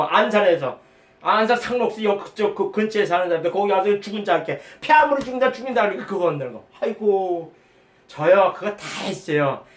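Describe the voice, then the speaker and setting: A middle-aged man giving an earnest, rambling spoken testimony as a lay preacher, emphatic and quoting his prayers. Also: high-pitched. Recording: echoey room, voice from a distance.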